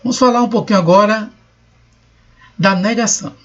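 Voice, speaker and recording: A man's voice: high voice, fairly quick, fairly bright tone. A man teaching a recorded lecture, explaining patiently and reading example sentences aloud with shifting intonation. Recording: dull lo-fi recording.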